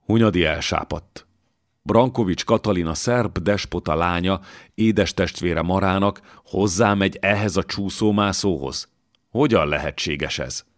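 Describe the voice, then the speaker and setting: A man narrates a historical novel in a deep, low voice. His reading is measured and dramatic, and the sound is dry and close. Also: dry recording. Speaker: audiobook narrator. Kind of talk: scripted narration.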